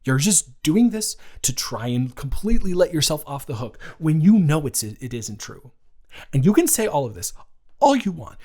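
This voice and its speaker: Angry and indignant in this clip, a man playing a young best friend speaks at a fairly high pitch with big swings. The improvised intimate audio roleplay has him halting, emotional and natural, indignant yet gentle overall.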